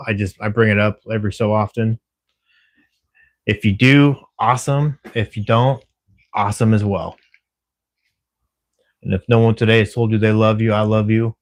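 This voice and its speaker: Reading comments aloud during his camera security shift, the Texas streamer has a lowish voice, fairly even intonation and a moderate pace broken by long pauses. His chat is friendly and meandering, thick with fillers.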